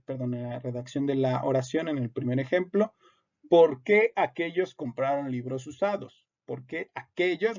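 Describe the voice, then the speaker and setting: Male instructor, methodical lesson delivery, raspy fry in the voice, muffled lo-fi recording. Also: a little high, a little mellow. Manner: methodical, reads example sentences aloud. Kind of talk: explanatory lesson on grammar. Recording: dull lo-fi recording.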